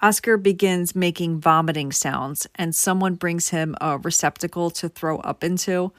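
A woman's voice: lowish voice, normal speed, dry recording, clean studio sound. A woman host narrating a true crime case in a casual, conversational way, talking straight to her viewers. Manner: conversational, addresses viewers directly.

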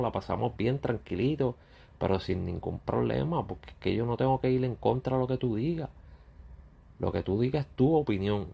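A man, a YouTuber talking bluntly and confrontationally straight at his critics in a ranting monologue, with a gravelly, husky voice. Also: mid-range voice, muffled recording.

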